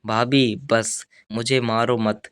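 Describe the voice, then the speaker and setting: A man's voice: mid-range voice, level tone, slow pace, fairly bright tone, smooth. A man reading the part of a shaken, ashamed young man in an audiobook, speaking hesitantly and pleadingly.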